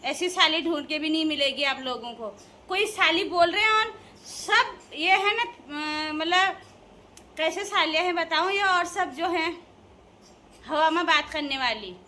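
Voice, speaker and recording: A young woman with a high, bright voice, chatting to her viewers in a casual vlog. Her manner is playful and teasing, and she laughs often. Faint noise sits behind her. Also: normal speed. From Uttarakhand hills. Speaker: vlogger addressing viewers.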